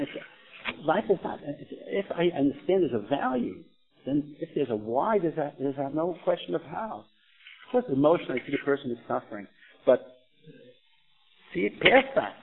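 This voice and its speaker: A man's voice: a little high, creaky. Earnest man explaining faith, tinny sound. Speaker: religious speaker. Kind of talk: religious discussion with questions. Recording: tinny phone-like line with faint noise.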